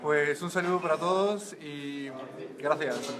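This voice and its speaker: A young Peruvian man with a Spanish accent, answering interview questions in halting English with fillers. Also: fairly high pitch. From Peru. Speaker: pageant contestant. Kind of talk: casual interview. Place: large indoor hall. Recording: loud crowd behind.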